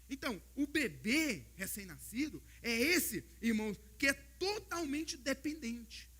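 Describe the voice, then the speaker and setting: A Brazilian man preaching a sermon as pastor, telling stories in an animated way and often calling out to the brothers in the congregation. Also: very high voice, slightly rough. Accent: Brazilian Portuguese. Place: church service.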